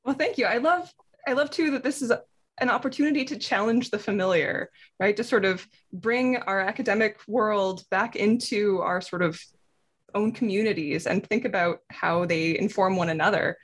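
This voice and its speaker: A woman with a husky voice, interviewing guests conversationally and encouragingly as a podcast host. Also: mid-range voice, normal speed.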